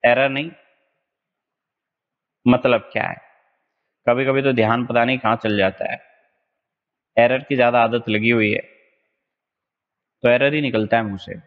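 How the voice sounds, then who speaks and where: A man's voice: mid-range voice, fairly even intonation, a little slow, long pauses. A man from India teaching English vocabulary for exam prep in a live online lesson, drilling words and checking that students follow. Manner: drills words, keeps asking "is that clear?". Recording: lo-fi with long room reverb.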